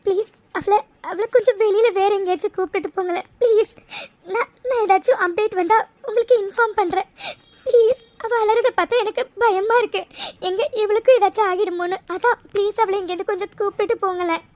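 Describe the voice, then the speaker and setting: Brief: gentle comforting girlfriend in a cartoon, as a woman puts her on, very high and dry-sounding. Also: fairly even intonation, fast, no room sound. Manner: soothing, pleading. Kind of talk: cartoon voice acting.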